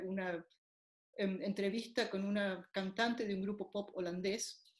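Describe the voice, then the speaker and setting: In an echoey room, a woman linguistics lecturer gives a recorded academic lecture, laying out ideas step by step. Her medium-pitched voice is a little mellow, and her measured explanations carry frequent fillers.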